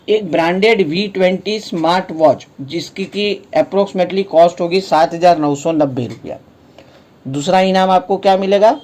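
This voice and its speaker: Pitching a promotional offer casually, this Indian-accented man restates and rephrases his points and asks questions only to answer them himself, in an explanatory manner. His voice sits high and sounds a little mellow.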